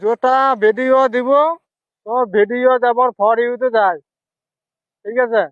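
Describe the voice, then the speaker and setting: A man speaks haltingly and stumbles over his words. His voice is high and dry, and it comes through as a tinny, phone-like clip. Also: fairly even intonation, no room sound. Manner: stammering, halting. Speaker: content creator in a played clip.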